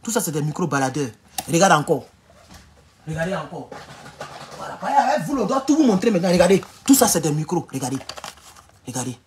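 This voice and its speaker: A man with an Ivorian French accent, speaking loudly and mockingly in a rambling live stream from his home, talking straight into his phone with no external mic. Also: on the high side, big pitch swings, a little fast, long pauses, background noise. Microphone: phone without external mic.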